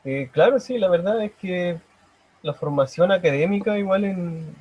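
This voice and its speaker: A young Chilean man, a bit high for a man, speaking over a muffled, lo-fi video call. He answers interview questions haltingly, restarting sentences as he searches for words. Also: husky. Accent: Chilean Spanish. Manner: hesitant, halting, many restarts. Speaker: painter, interview guest. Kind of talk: casual interview.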